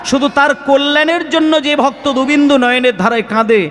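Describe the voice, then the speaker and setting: At a devotional kirtan gathering with live music, a man preaches with passion, firing rhetorical questions at the audience in a sermon mixed with chanting. His voice is extremely high and fairly bright, he talks fast, and the sound fills a big room.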